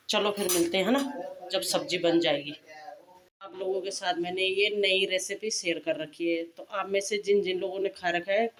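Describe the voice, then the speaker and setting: A woman's voice: lowish voice, a bit bright, slight background noise. Middle-aged woman, homely chatty vlogger, roomy echo, faint background ambience. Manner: chatty, homely, talks straight to viewers. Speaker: family vlogger. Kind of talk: casual chat to camera. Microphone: phone camera.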